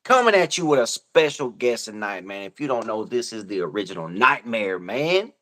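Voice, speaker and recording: A man's voice: on the low side, sing-song, moderate pace, bright, forceful tone. A man hosting an online talk show, asking loose, easygoing questions in slangy speech. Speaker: show host. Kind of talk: casual interview chat.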